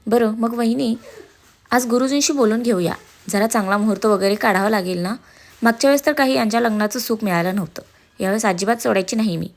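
A woman's voice: on the high side, quick pace, natural voice. A woman voicing a cheerful middle-aged aunt who teases the young couple. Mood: teasing. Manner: teasing, laughing.

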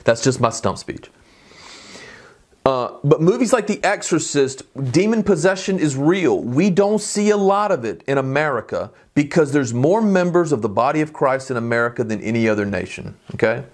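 A man preaching a sermon, teaching in a conversational way, often checking in with the listeners and reading scripture aloud quickly. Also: a little high, big pitch swings.

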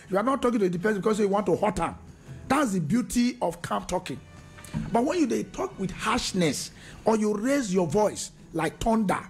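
High-pitched, gravelly and a little mellow, his voice carries a relaxed Pidgin radio discussion on relationships. He laughs often and keeps starting his sentences over.

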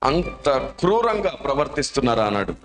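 A man's voice: medium pitch, big pitch swings, fairly quick, roomy sound, faint music behind. A man preaching a sermon that tells a story dramatically. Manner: dramatic, acts out voices.

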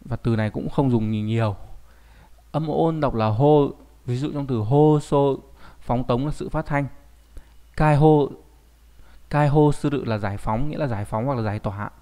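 A man's voice: mid-range voice, moderate pace, long pauses, dark tone. A man teaching kanji in an online lesson, explaining patiently and often checking in with the learner through tag questions. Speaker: Japanese language teacher.

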